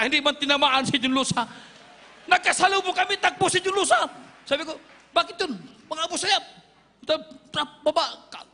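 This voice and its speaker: A man from the Philippines giving a dramatic church testimony, telling his story with sound effects and shouts of praise. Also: extremely high pitch. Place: church hall. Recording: reverberant hall.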